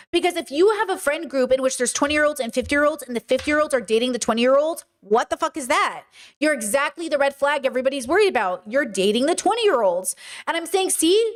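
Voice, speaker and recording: A high-pitched woman in her thirties hosts a live stream and talks straight into it. She rants bluntly, swears freely and answers chat in a fast, casual commentary. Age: 30s. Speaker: streamer host.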